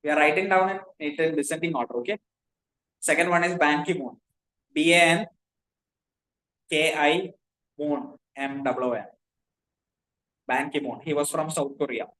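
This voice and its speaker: Indian English male tutor, slightly high voice, dictates and spells each word for students to copy. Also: normal speed, pauses often, fairly bright tone, rough recording. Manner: spells words out letter by letter, repeats himself. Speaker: teacher. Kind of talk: classroom lecture dictating notes.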